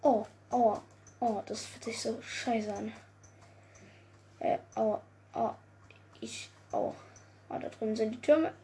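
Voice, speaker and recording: A young woman giving casual gameplay commentary, excitable, often swearing, groaning and exclaiming. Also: a little high, slow pace, long pauses, slight background noise. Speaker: gaming video creator.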